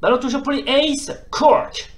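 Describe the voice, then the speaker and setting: A man from France giving casual gameplay commentary, switching into excitable mock sports-caster calls and swearing at his goalkeeper. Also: extremely high pitch, unhurried, reverberant. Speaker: retro gaming YouTuber.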